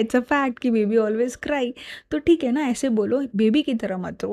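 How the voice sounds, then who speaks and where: Earnest mom with a bright, mellow voice. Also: female voice, fairly high pitch. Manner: earnest, explaining, mixes Hindi and English. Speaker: parenting vlogger and mother. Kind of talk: casual advice talk to camera. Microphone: lavalier mic.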